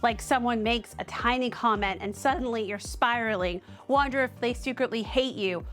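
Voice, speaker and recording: Upbeat Boston-accented woman with a high voice. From Cape Cod, Massachusetts. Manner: lively, chatty and emphatic. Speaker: host. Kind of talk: casual direct-to-camera talk.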